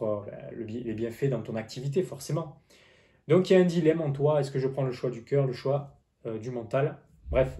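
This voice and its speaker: A man's voice: mid-range voice, warm tone. A man giving an informal tarot forecast straight to the viewer, explaining hesitantly with repeated phrases and a slight lisp on his s sounds. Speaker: tarot card reader.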